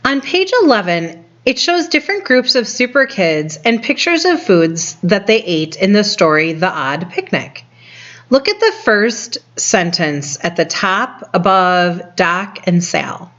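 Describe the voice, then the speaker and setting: A woman teaches reading to small children in simple, step-by-step instructions. Her pitch moves up and down in a lively way and her pace is slow. The recording is a bit dull and lo-fi. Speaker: early-grades reading teacher. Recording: dull, lo-fi sound.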